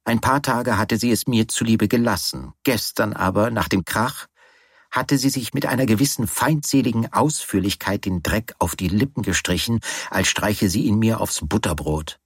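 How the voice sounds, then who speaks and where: A man reads a novel aloud in the first person, measured and understated. His voice sits very low and carries a slight husk. The recording is dry and close to the mic. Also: slightly rough, no echo. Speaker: audiobook narrator. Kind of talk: scripted first-person narration.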